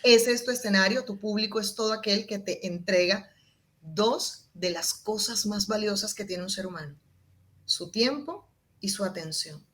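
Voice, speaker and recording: In an interview, a woman with a medium-pitched voice and moderate pace discusses how she handles public speaking. Expressive throughout, she shifts tone and volume to demonstrate.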